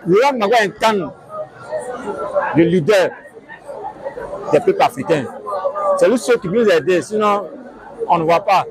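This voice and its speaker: A man speaks emphatically and with devotion. His voice sits high. Rally crowd noise surrounds him. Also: unhurried, pauses often, low-quality recording. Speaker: party supporter. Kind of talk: street interview. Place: outdoor tented rally. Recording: lively crowd noise outdoors.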